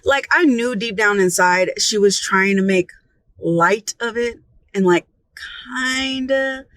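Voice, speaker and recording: A woman's voice: mid-range voice, slow, no echo, rough recording. A young woman telling a casual, profane story from her own life, acting out what people said with gasps and whispers. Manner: animated, profane, acts out quotes with gasps and whispers. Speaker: storytime vlogger. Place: Florida.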